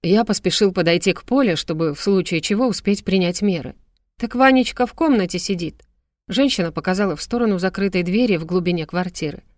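A woman narrating an audiobook story with steady storytelling. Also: on the low side, fast, few pauses, no echo, studio quality. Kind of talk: scripted narration.

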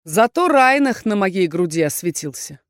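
A woman narrating a first-person fantasy audiobook in a measured, tense read. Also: medium pitch, big pitch swings, no room sound, studio quality. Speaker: audiobook reader.

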